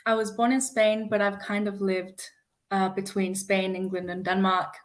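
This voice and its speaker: A young woman in her late teens answers interview questions with a medium-pitched voice. She sounds modest and easygoing, with a relaxed, friendly way of talking. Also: moderate pace. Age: young adult. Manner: modest, easygoing, laughs lightly. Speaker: guest singer-songwriter.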